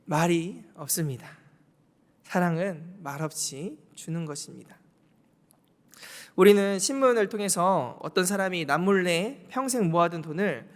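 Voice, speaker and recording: A male pastor preaching a sermon, telling the story vividly and asking the congregation questions. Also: sits high. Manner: storytelling, acting out quotes, asks the congregation questions. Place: church sanctuary. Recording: long hall reverb.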